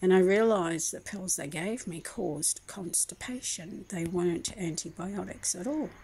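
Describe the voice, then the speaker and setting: A woman's voice: fairly low pitch, measured pace, mellow, husky, poor audio. An older woman, rambling and aggrieved as she tells a long personal story in a casual home vlog, with many ums and restarts. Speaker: vlogger. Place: home kitchen.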